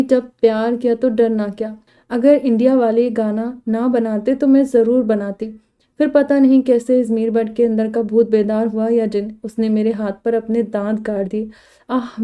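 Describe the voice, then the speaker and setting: A woman narrating a comedy novel aloud in the first person, with lively storytelling. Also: on the high side, moderate pace, muffled recording. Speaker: novel reader.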